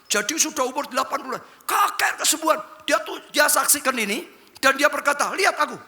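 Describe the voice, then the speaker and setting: A man preaching a sermon as a pastor, dropping to low asides and rising to shouted, high-pitched exclamations. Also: fast. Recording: echoey church hall.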